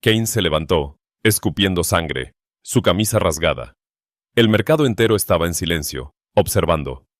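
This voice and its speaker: A man giving a scripted, steady and dramatic narration of a western story. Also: low-pitched, moderate pace, dry recording, clean studio sound.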